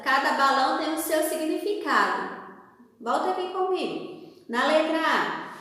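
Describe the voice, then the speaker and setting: A primary school teacher with a Brazilian Portuguese accent corrects a worksheet aloud in a remote lesson, patiently asking questions and pausing for answers. She acts out sound effects and whispers examples. Her voice sits high and a bit bright, in a very echoey room with long reverb.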